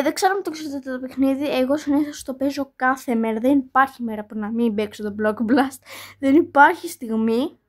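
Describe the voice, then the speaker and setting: A woman hosting her own channel, casually talking through each move of a puzzle game and poking fun at herself. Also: sits high. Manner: chatty, thinks aloud about each move, repeats words like "here" and "no"; self-mocking and apologetic toward viewers. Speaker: channel host playing a mobile game. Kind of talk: casual gameplay commentary.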